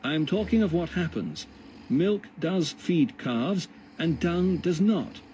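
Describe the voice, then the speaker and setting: A man's voice: expressive, slow, mellow, slight background noise, low-quality recording. A man voicing a desperate young man who cries out in anguish and indignation in a storybook reading. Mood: indignant. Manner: raised, fervent, high-pitched outbursts.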